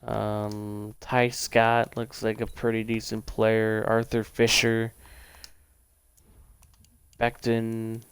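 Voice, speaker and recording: A young man livestreaming a football video game, thinking aloud in casual, rambling commentary that speeds up in quick bursts. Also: fairly low pitch, monotone, smooth, no echo.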